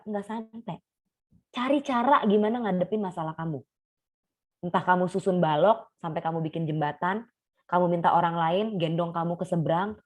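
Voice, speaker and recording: A young woman with a slightly low voice gives a casual talk to a group. She is chatty and animated, slipping into little acted-out quotes to make her points. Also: low-quality recording. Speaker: speaker at a sharing session.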